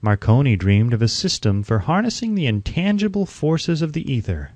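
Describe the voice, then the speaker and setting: A man narrates a self-help audiobook from a script, his medium-pitched voice moving in measured, declarative phrases with an oratorical, slightly sing-song and mellow quality. The recording is dry and close, with no room echo.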